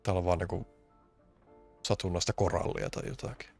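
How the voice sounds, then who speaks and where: A man's voice: low-pitched, gravelly, a little mellow, faint music behind. A man from Finland doing casual, rambling let's-play commentary, joking and grumbling as he plays. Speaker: streamer.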